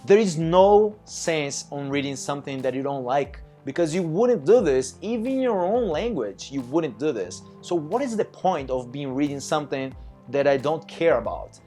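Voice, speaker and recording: Speaking to camera, this Russian-accented man, a non-native English speaker who makes language-learning content, offers relaxed advice in a warm, somewhat high voice. He's chatty, says "you know" often, and acts out small bits of dialogue.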